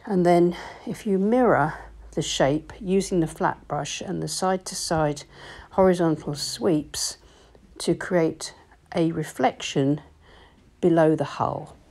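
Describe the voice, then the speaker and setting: A woman, calmly explaining each step of a watercolour painting tutorial in voice-over. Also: deep voice, takes it slowly. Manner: calm, explanatory, gently instructive. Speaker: watercolour teacher.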